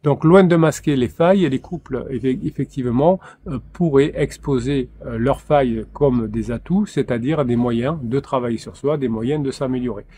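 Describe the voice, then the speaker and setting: Male relationship coach, solo talk, halting delivery full of fillers, mellow timbre. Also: mid-range voice, slight background noise. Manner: hesitant, frequent fillers and restarts.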